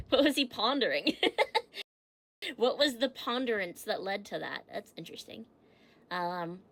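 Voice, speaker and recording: A woman chats casually on her livestream, reading fun facts aloud and stopping to answer her chat with small giggles. Her voice sits a touch high and has a sharp, bright edge. She sounds a little stuffy from allergies. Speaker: streamer.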